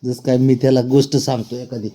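A man's voice: mid-range voice, little pitch movement, fast, warm tone. A man talking to his pet cat in a playful, teasing way, asking it questions and scolding it fondly. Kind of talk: casual talk to a pet, teasing.

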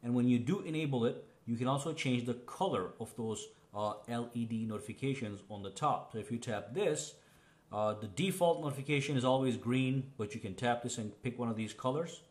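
A man's voice: fairly quick, darkish tone. A man giving a casual step-by-step walkthrough of phone settings, chatty and explanatory, checking in with the viewer as he goes. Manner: chatty, explains step by step, often says "okay?" and "boom". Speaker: tech reviewer.

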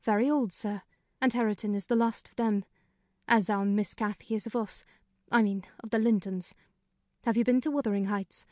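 A man reads a storybook part as a frank, talkative housekeeper, a middle-aged woman with a brisk, chatty way of speaking. His voice sits high, above his usual pitch, yet stays close to an everyday voice, with a steady, dark tone. It is a dry studio recording.

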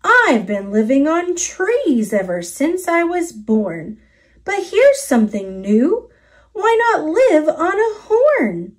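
Woman voicing a chirpy, high, cheeky male bird. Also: very animated, slow, heavily acted. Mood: excited. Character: cheeky cheerful male bird, a brash freeloader.

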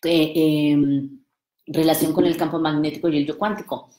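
A woman's voice: deep voice, steady tone, normal speed, dark tone, reverberant. A woman coach giving a motivational talk to an audience, playful and fond of acting out the people she quotes. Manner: playful, acts out quoted friends. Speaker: NLP coach.

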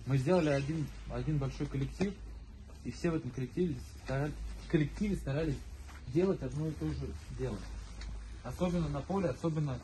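A man in his thirties, a football coach, giving an earnest, halting, blunt pep speech to his team after a match. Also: on the high side, mellow. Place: crowded indoor team locker room. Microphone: handheld camera a step or two away. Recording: noisy room captured on handheld camera.

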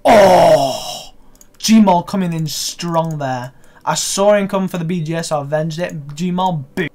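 A young man doing live gameplay commentary, swearing and breaking into excited shouts. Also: a little high, unhurried. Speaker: gaming video creator.

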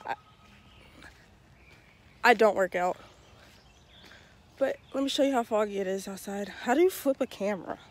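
A woman's voice: mid-range voice, normal speed, long pauses. A young woman vlogs on her phone while walking her foggy neighborhood, chatty and self-mocking. She is audibly out of breath from the walk. A faint outdoor hiss sits under her voice. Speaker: vlogger. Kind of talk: casual walking vlog. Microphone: handheld phone camera.

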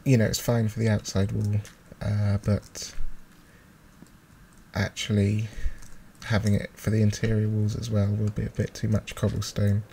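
A male gaming video host offers casual, hesitant let's play commentary, thinking out loud in a lowish, monotone, creaky yet mellow voice at a moderate pace. A close desktop mic with high gain picks up mouse clicks and keyboard noise behind him.

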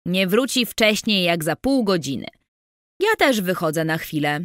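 Drunk old dad, sly and crude, read by a woman, slow. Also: fairly low pitch, big pitch swings, fairly bright tone, no room sound, clean studio sound.

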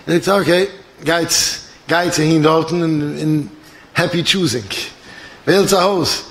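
A man delivering a yeshiva lecture, his voice sitting a touch higher than most men's. He spins a parable, jumping into the characters' lines with bursts of energy and frequent restarts. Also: takes it slowly. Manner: animated storyteller acting out dialogue, many restarts. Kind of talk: religious lecture told as a parable.

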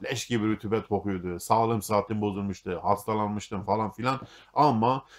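A man's voice: fairly low pitch, steady tone, moderate pace. A middle-aged man telling stories in a casual monologue, blunt and full of profanity, grumbling and fatalistic. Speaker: YouTube monologue host.

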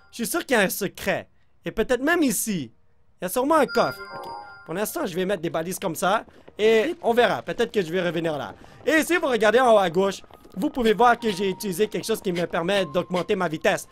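An excitable man with a Québécois French accent, commenting on his own gameplay. His pitch leaps around in lively swings as he reacts loudly and chats to viewers, dropping in English exclamations. Faint game music plays underneath. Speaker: let's play host.

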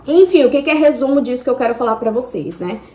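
A woman's voice: sits high, lively intonation, fast talker, dark tone, a little hiss or hum. A young woman with a Brazilian accent, chatting to her viewers and telling a story in long, detailed detail. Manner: talkative, tells everything in detail. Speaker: family vlogger. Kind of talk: casual chat to camera.

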